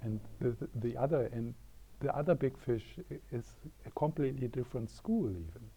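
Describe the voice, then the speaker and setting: A man teaching meditation, telling a parable gently with many repetitions. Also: mid-range voice, brisk, slightly rough, narrow, tinny audio. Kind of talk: spiritual teaching talk. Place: workshop room.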